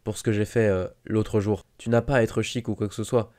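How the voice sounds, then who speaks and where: A man voicing a clever, intense eleven-year-old boy wizard who talks in an earnest, quick way, read in a fan audiobook. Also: on the low side, little pitch movement, dark tone, lightly acted. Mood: remorseful.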